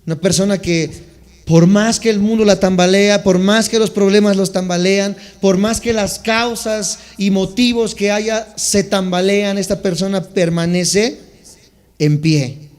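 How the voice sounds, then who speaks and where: A pastor preaches to his congregation, teaching the meaning of scripture words and asking listeners to answer back. His voice sits high for a man. The sound carries a long reverb from the church hall. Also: steady tone, a little slow, darkish tone. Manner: teaching Bible words, asks congregation to respond. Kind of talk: sermon. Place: church sanctuary.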